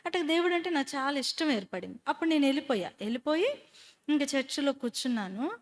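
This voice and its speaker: A woman with a high, bright voice tells her faith story to a church group. She speaks as a storyteller and keeps turning to her listeners with questions. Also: fast talker. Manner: animated storyteller who quizzes listeners. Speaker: speaker giving a personal testimony.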